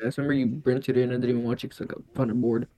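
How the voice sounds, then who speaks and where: A man's voice: medium pitch, level tone, racing, dark tone. A young man co-hosting a casual chat, blunt and profane as he retells family stories. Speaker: podcast co-host.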